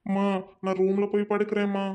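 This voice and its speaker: Woman playing a lovesick college guy, fast worried talk, mellow lowish voice, home audio drama. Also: monotone, natural voice. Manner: quick, earnest, worried. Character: anxious lovesick young college man.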